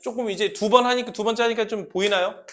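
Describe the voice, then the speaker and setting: A man's voice: sits high, fairly even intonation, fast, fairly bright tone. A man teaching a math class, often asking students questions and repeating key points as he explains. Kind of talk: classroom lecture.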